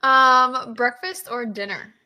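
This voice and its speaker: A woman hosting a podcast, firing off quick either-or questions and giggling between them. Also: on the high side, fairly even intonation, sharp tone. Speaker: podcast host asking questions. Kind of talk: casual chat.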